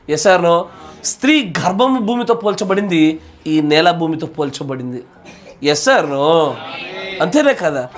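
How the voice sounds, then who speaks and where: A man with a Telangana Telugu accent, a pastor giving a sermon at a home Bible study. He jokes and keeps asking the room "yes or no?". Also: sits high. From Telangana, India. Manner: jokey, asks the room "yes or no?" again and again. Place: home gathering.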